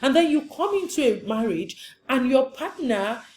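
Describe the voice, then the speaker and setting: A woman's voice: sits high, very animated, moderate pace, a little mellow, a little hiss or hum. A woman marriage counselor giving an earnest, emphatic teaching talk, often repeating her points for stress.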